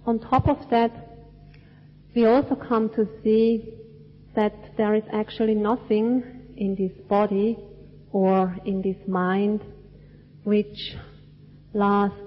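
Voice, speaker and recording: A woman from Switzerland giving a Buddhist dharma talk in a cinema hall, speaking in slow, measured, deliberate phrases. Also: medium pitch. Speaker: Buddhist teacher. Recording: dull lo-fi recording with long hall reverb.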